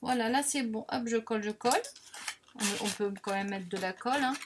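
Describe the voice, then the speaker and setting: Casting: talkative woman, slightly high voice, casual crafting demo, faint table clatter behind. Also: brisk, background noise. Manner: chatty, self-deprecating, frequent filler tags. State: has the hiccups. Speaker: crafting vlogger.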